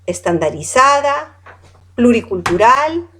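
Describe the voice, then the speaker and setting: Slow-paced woman teaching a class. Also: a little high, sing-song, pushed and bright. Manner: lists words one by one, corrects pronunciation; asks students questions. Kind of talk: classroom lecture.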